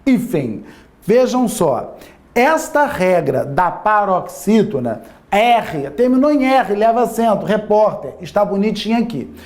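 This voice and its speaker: A man's voice: high-pitched, a little mellow. Man quizzing a class. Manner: quizzes the listener with repeated rhetorical questions; drawn-out emphasis on key words. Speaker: Portuguese teacher. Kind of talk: classroom grammar lesson.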